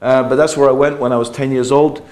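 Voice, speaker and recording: A man's voice: mid-range voice, fairly even intonation, fast, a little mellow. Man giving a chatty lecture. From England. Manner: conversational, full of fillers and asides. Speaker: Islamic lecturer. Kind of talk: informal religious lecture.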